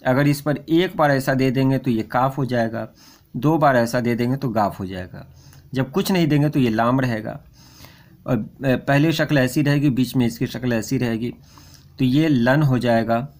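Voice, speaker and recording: A man's voice: medium pitch, moderate pace, a little mellow. Patient male Urdu script teacher. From India. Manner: patient, repetitive, points at the board. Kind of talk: explaining letters step by step.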